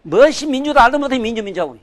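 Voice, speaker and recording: Older guy preaching, high voice, scolds loud then mutters low. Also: lively intonation, racing. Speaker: Buddhist dharma teacher. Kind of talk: sermon.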